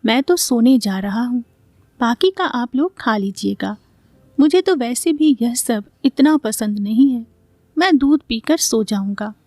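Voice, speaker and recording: A woman's voice: on the high side, expressive, a little slow, darkish tone, dry recording. A woman voicing a weary, fed-up young man of the house.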